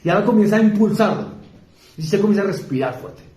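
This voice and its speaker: Colombian male pastor, warm mellow voice, mid-high pitch, sermon in an echoey church hall. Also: expressive. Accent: Colombian Spanish. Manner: swings between fast emphatic repetition and slow quiet asides; asks the congregation questions. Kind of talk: evangelical sermon.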